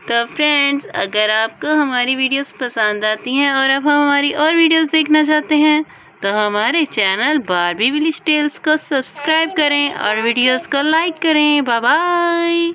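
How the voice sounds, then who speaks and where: A woman's voice: sits high, normal speed, sharp tone, a little hiss or hum. Upbeat woman signing off a doll channel. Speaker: doll video channel host. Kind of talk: channel outro.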